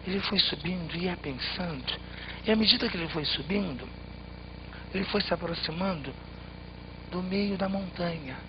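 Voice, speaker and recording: A man telling a traditional tale with expressive, dramatic pauses. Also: high voice. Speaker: storyteller. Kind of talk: oral storytelling. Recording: slightly muffled, faint background noise.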